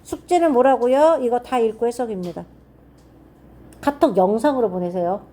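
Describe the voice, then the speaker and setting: A woman teaching English grammar to a classroom of students, firing quick check-in questions and reading example sentences slowly and deliberately. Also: fairly high pitch, dark tone. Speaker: English teacher at a cram school.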